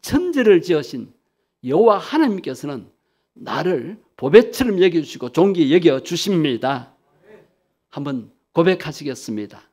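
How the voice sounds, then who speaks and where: High, lively pastor preaching. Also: male voice, moderate pace. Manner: emphatic preaching, leads the congregation in repeating phrases. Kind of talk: sermon.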